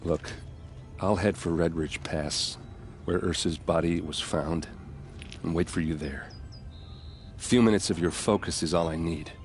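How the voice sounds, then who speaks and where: An actor playing a grieving soldier in a video game, speaking in a blunt and insistent way. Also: male voice, low-pitched, unhurried, soft background music. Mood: subdued, pleading. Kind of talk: video game dialogue acting.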